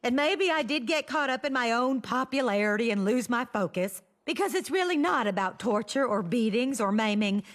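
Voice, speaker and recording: A woman voicing a self-important, bossy middle-aged mom who coaches a halftime show in an animated comedy. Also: a little high, moderate pace, few pauses, natural voice.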